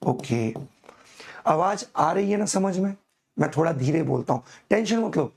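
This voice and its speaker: A man, hoarse from a throat infection, teaching a live online chemistry class slowly and coaxingly, calling students "beta". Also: fairly high pitch, expressive. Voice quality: gravelly, echoing double voice. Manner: slow, coaxing, calls students "beta", laughs at himself.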